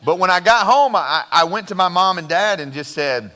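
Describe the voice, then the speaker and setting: A middle-aged man preaching a sermon in a church sanctuary. His voice is bright and forward, with a folksy, storytelling delivery that slips into the voices he quotes. The live-stream sound carries a long hall reverb. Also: high-pitched, lively intonation, normal speed. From South Carolina. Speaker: pastor. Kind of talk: conversational sermon with personal stories.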